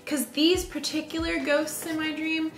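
A woman's voice: high voice, flat delivery, unhurried, faint music behind. A woman co-hosting a casual home video with playful, wry joking. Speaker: co-host. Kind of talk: casual chat. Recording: echoey room.

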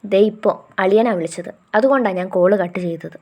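Woman reading as a gently bossy young boyfriend. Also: mid-range voice, a little fast, close to an everyday voice. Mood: gentle.

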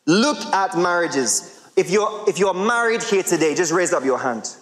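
A man in his thirties preaching a sermon to a large congregation, emphatic and full of rhetorical questions with drawn-out pauses. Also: high-pitched, animated, fairly bright tone. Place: large church hall with congregation. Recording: long reverb of a big hall.

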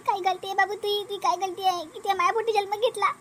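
A shrill, indignant elder sister-in-law from a family cartoon, played by a woman. She scolds, and her voice sits very high. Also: fast talker, a bit bright, slight background noise. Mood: tearful.

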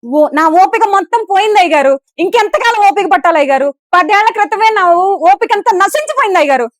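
A woman's voice: very high voice, lively intonation, quick pace, no room sound, studio quality. A woman voicing an older mother-in-law who scolds her son-in-law with insults. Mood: exasperated. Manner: shouting insults, repeats "sir".

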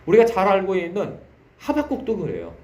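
A man's voice: high-pitched, huge pitch swings, brisk, a little mellow, reverberant. A man preaching an early-morning sermon as pastor, speaking emphatically with rhetorical questions and dramatic quoted laments.

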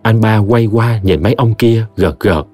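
A man's voice: fairly low pitch, moderate pace, no echo, faint music behind. A man, expressively narrating a scripted horror story. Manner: expressive, vivid.

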